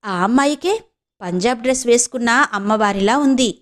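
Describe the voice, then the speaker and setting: Brief: fond, chatty grandmother in an audio novel, voiced by the woman reading, slightly high, coaxing tone. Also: fairly quick, natural voice. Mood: affectionate. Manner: affectionate, coaxing. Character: older grandmother, fond and talkative.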